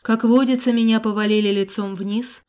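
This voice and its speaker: Mellow-voiced woman audiobook narrator. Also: on the high side, steady tone, moderate pace. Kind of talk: first-person audiobook narration.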